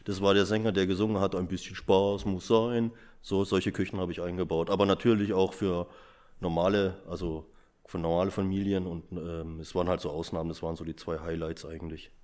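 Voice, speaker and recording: A man's voice: sits low, level tone, a little fast, a little mellow. A man, a school caretaker, giving informal interview answers and telling anecdotes.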